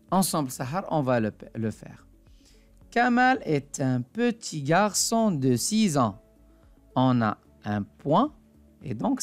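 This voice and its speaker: A woman teaching a reading lesson to a young child, speaking slowly and carefully and repeating each point. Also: sits low, no room sound. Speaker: primary school teacher.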